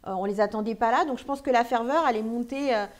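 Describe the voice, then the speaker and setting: A woman's voice: fairly high pitch, fast talker, darkish tone. Casual woman talk show guest. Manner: casual, filler-heavy. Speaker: studio guest.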